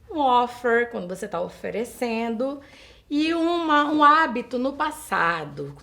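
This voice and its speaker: Brazilian woman teaching english grammar. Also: a little high. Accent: Brazilian Portuguese. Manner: explains grammar step by step, reading example sentences slowly and translating them; addresses students directly, asking them questions. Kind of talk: recorded online school lesson.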